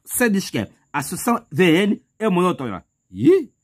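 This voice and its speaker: Higher-voiced male math teacher, chatty. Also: very animated, normal speed, husky. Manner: chatty, addresses viewer as "meu irmão"; repetitive, thinks aloud with fillers. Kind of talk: math lesson walkthrough.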